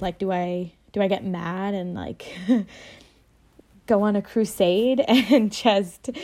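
A young woman co-hosting a casual podcast, talking in a relaxed, rambling way with plenty of fillers and laughs. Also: medium pitch. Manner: chatty, laughs often, many fillers. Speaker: podcast co-host. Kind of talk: casual chat.

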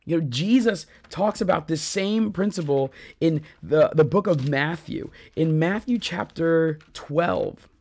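Man, youth pastor host, earnest storyteller, a bit high, with gravel in the voice, dry close sound. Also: darkish tone, no room sound. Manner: earnest, storytelling, reads scripture aloud. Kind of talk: casual Bible teaching talk.

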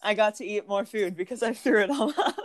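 A young woman co-hosting a podcast, telling a rambling, animated family story with frequent restarts and laughs. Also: medium pitch, a little fast, no echo, studio quality. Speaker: podcast co-host. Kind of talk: casual chat, storytelling.

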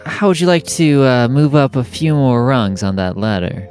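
A man's voice: mid-range voice, lively intonation, normal speed, darkish tone. A man playing in a tabletop game, improvising in character with a hesitant, musing delivery. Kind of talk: in-character improvised role-play. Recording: background music under the voice.

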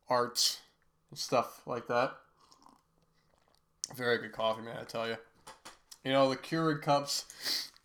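A man's voice: medium pitch, a bit bright. A man with a congested, nasal, stuffy-nosed voice from a cold, hosting a casual, rambling, laid-back talk about movies. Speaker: host of a weekly movie talk show.

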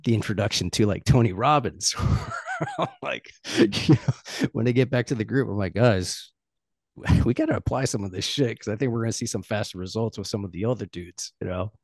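Low-voiced 40s guy, loose and candid, swears a lot, dry close sound. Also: wildly swooping pitch, moderate pace, a little mellow, husky, no room sound. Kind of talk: casual chat.

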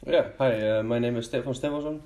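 A middle-aged Icelandic man with an Icelandic accent, chatting casually as a guest with a relaxed, hesitant manner full of fillers. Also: mid-range voice, fast talker. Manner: relaxed, hesitant, many "uh"s and "you know"s. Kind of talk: casual chat. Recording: echoey room.

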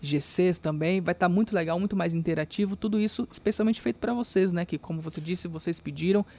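A man's voice: high-pitched, fast talker, warm tone. A Brazilian man presenting radio news in a casual, chatty on-air style.

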